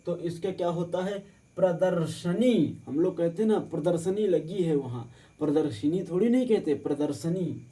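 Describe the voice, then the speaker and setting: Dark-toned man teaching spelling slowly. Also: on the high side. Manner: slow, drawn-out word by word correction. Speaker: exam-prep teacher. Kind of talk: spelling lesson for exam prep.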